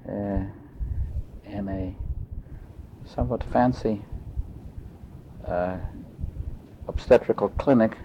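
An older man from Austria, recalling his life story in a measured, matter-of-fact way, pausing to search for words. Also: fairly low pitch, fairly even intonation, mellow, a little hiss or hum. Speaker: interviewee. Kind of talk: oral history recollection. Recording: dull lo-fi tape recording.

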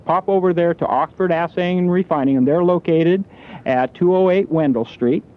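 Genial radio host, tinny broadcast sound. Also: male voice, a little high, normal speed. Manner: genial radio host patter, with frequent "uh" fillers. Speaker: radio call-in show host. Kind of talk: on-air call-in radio giveaway patter. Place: radio station studio.

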